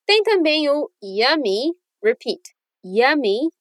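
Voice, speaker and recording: Based in New Zealand, this English teacher hosts a bilingual language-lesson podcast, clearly and cheerfully modeling phrases for repetition. Her high voice is expressive and a bit bright, with a measured pace and no room sound.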